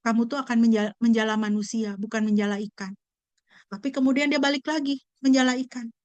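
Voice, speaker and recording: A woman pastor preaching a sermon, animated and full of rhetorical questions. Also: on the high side, fast talker, no room sound. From Indonesia.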